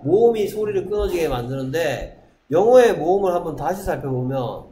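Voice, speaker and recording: Male english teacher, quizzing and repeating phrases; mellow voice, echoey classroom, faint hiss. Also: fairly high pitch, animated, a little fast. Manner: drills pronunciation, quizzes students with rhetorical questions. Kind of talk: classroom lecture.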